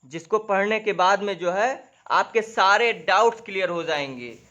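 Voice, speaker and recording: A man teaching English grammar in a lesson, who keeps calling the viewers "friends", asks if they follow, and spells out example sentences slowly, word by word. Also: high-pitched, pushed and bright, lo-fi sound. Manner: repeats "dosto" and "theek hai" constantly, drawing on a board. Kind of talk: classroom-style grammar lesson.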